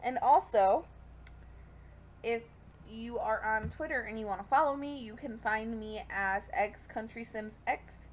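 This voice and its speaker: At a measured pace and in a slightly high voice, a pregnant young woman feeling the heat chats her way through a game, talking to the characters as she commentates. She's a gaming video creator, recorded with slight background noise.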